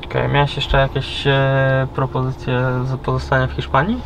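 A man interviewing from inside a moving car, asking questions in a halting way and rephrasing as he goes. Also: mid-range voice, completely flat delivery, creaky. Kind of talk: casual interview. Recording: distant, dull sound with loud road noise.

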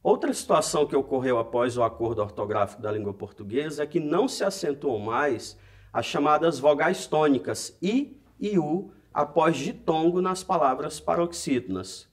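A man's voice: on the high side, expressive, normal speed. A man from Brazil giving a recorded lesson as a teacher, explaining step by step and addressing viewers directly. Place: educational studio.

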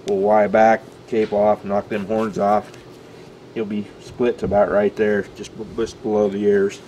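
Speaking in a low, completely flat voice, this man takes his time as he explains an outdoor taxidermy job for the camera. The background is noisy, and he's out on concrete next to a building. His talk is plain and casual, full of fillers as he works things out aloud.

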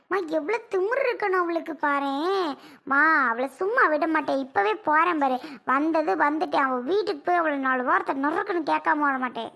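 A woman's voice: high voice, vocal fry, fairly bright tone. A woman voicing a hot-tempered young married daughter in a cartoon who speaks indignantly and defiantly. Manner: indignant, defiant, quick to anger. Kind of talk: cartoon voice acting.

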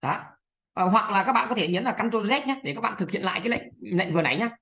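A woman talks viewers through a screen-recorded software tutorial at a fast clip. Her delivery is chatty and full of small fillers and pointing words as she clicks around. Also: medium pitch, lively intonation. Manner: chatty, fillers, many "đây này" pointers. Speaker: video editing tutor.

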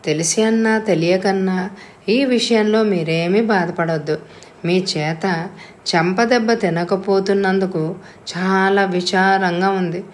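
A woman voicing a courteous young man who teases gently and wryly. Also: medium pitch, fairly even intonation, unhurried, slight background noise, lightly acted. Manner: courteous, wry. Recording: echoey room.

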